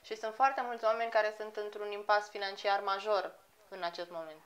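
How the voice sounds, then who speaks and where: Lively woman singer talking casually. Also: mid-range voice. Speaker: guest, singer. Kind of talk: casual interview talk.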